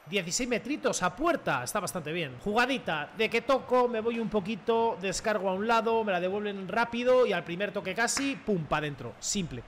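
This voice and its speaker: A young man talks through his football video game as he plays, loose and slangy and quick to shout at the big moments. His voice sits high and sounds bright and edgy. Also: slight background noise. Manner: excitable, slangy, shouts at goals. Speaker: gaming youtuber. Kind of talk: live gameplay commentary.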